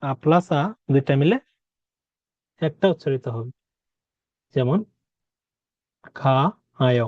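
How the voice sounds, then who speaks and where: A man teaches a language lesson, saying each word slowly and repeating it for practice. His voice sits a little high for a man. The recording is dry, with no room sound, and slightly dull. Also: dry recording. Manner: repeats words slowly, drilling pronunciation. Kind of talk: spoken lesson.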